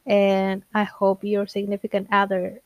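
A woman's voice: mid-range voice, monotone, measured pace, no echo, lo-fi sound. A young woman hosting her own show, talking in a rambling, candid way, laughing often and poking fun at herself as she drifts between topics. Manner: self-deprecating, wanders off topic. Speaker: podcast host. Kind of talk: casual solo monologue.

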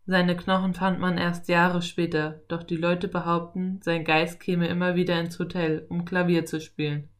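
A woman's voice: fairly low pitch, little pitch movement, moderate pace, hardly any pauses, lightly acted. A woman voicing a friendly adult male cowboy, telling a campfire ghost story in an easygoing way. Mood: storytelling. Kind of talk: audiobook character reading.

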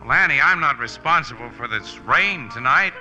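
An actor playing a flirtatious, wry American crime photographer with breezy, confident banter in a 1940s radio drama. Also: male voice, medium pitch, expressive, normal speed, bright, forceful tone. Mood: coaxing. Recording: dull vintage radio recording, faint music.

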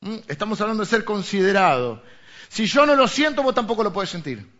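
Male pastor, Rioplatense accent, conversational sermon with rhetorical questions, pitch on the higher side. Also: big pitch swings, fairly quick, fairly bright tone. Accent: Rioplatense Spanish. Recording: dull lo-fi recording.

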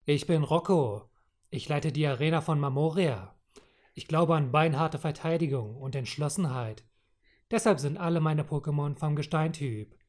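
A man voicing a calm young male gym leader in a read-aloud story. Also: on the high side, moderate pace, voice pushed up, natural voice. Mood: resolute.

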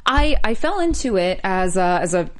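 A woman in her thirties hosting a casual talk show in an excitable, chatty manner. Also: medium pitch, normal speed. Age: 30s. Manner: excitable, caffeinated, acts out quoted remarks.

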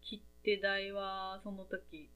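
A woman's voice: mid-range voice, completely flat delivery, drawn-out words, a crowd in the background. A woman with a Kansai accent, chatting casually and rambling a little as a podcast host. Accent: Kansai Japanese. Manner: chatty, rambling, laughs often. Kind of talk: casual chat.

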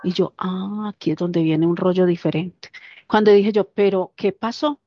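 A woman casually recounting a personal story, lively and animated, acting out the lines of the people in it. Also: on the low side, normal speed, no echo. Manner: animated, acts out quoted dialogue. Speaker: interviewee. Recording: dull, dry lo-fi recording.

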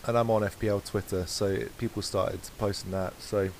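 A man's voice: lowish voice, a little fast, slight background noise, low-quality recording. A man co-hosting a podcast, chatting casually and rambling through his thoughts with many restarts. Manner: rambling, self-correcting, relaxed. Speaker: podcast co-host. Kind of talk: casual chat.

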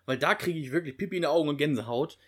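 A man chatting with friends in a slightly higher voice, retelling film scenes enthusiastically. He gets animated as he describes the moments he loves. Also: rapid-fire. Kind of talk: casual chat.

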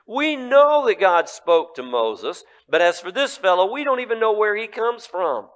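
A man voicing indignant male religious leaders who accuse and scold in a loud, raised voice. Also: high-pitched, very animated, moderate pace, pitched above the performer's own voice.

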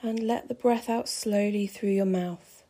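A woman calmly guiding a pregnancy relaxation meditation with slow, soothing, measured phrasing. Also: mid-range voice. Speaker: meditation guide.

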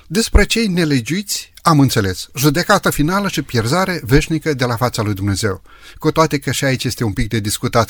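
A man's voice: mid-range voice, no room sound. Reflective male interviewer, dry sound. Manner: reflective, thinking aloud with pauses. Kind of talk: religious talk show questions.

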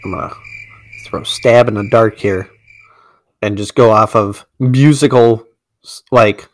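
A man's voice: lowish voice, steady tone, unhurried. A man answering trivia in a casual chat, thinking aloud and hedging before he answers. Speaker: quiz partner.

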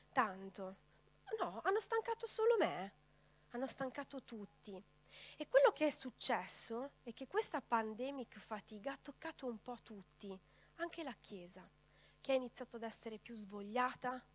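A woman preacher delivering a sermon, putting rhetorical questions straight to her congregation. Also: a little high.

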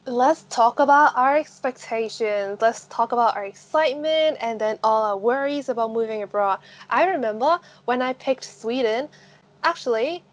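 Young woman from hong kong cohosting a podcast, upbeat chatty storyteller, kinda high voice. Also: moderate pace, muffled recording. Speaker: podcast co-host. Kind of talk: casual podcast chat.

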